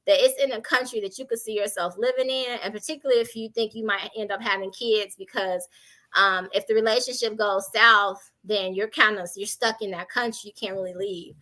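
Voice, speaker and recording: On a panel, a Chicago-born American woman dishes out frank, chatty advice, lively and casual, with stories to back up what she says. She talks at a medium pitch and a fairly quick clip, captured on a rough recording.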